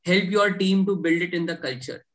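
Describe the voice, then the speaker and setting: A man's voice: high voice, steady tone, moderate pace, fairly bright tone, low-quality recording. A man, hosting an interview politely, with many short acknowledgments. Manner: polite, frequent brief acknowledgments. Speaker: host.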